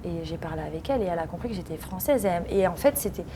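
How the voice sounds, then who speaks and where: A young woman from France in her twenties, a guest in a casual interview, telling stories with lively energy and acting out other people's lines. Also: fairly low pitch, rapid-fire, noisy background. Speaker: interview guest, professional footballer.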